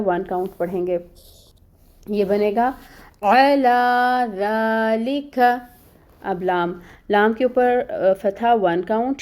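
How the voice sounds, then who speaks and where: A woman's voice: a little high, a little mellow. A woman teaching Quran recitation rules in an online lesson, explaining each sound patiently and step by step, often checking in with her students.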